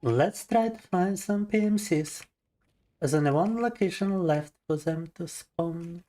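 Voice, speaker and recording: A man's voice: high-pitched, measured pace, warm tone. A man and native Russian speaker chatting casually on a gaming livestream, laughing often and explaining things to viewers as he plays, into a desk microphone.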